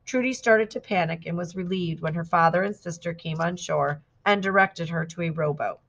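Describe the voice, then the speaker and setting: A woman's voice: fairly low pitch, normal speed, lo-fi sound. Woman reading a picture book aloud. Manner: steady, clear storytelling with lively quoted shouts. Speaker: storybook reader. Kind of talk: scripted narration of a picture book.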